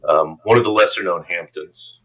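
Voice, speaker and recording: A man's voice: sits low, moderate pace, fairly bright tone, poor audio. A man in his fifties from upstate New York, a podcast guest chatting casually and self-deprecatingly about his life. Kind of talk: casual interview chat.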